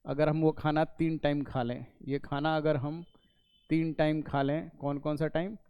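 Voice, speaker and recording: A man's voice: a little high, flat delivery, unhurried, clean tone, no echo, dull audio. A man teaching an English class, explaining step by step, repeating points and answering his own questions. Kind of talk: classroom lesson explaining in Hindi.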